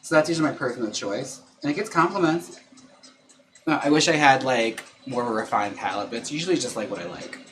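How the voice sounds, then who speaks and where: A man's voice: medium pitch, fast, fairly bright tone. Sassy drag queen guy chatting casually on stream, campy, lots of background noise. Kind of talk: casual livestream chat while doing makeup. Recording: clearly noisy room ambience.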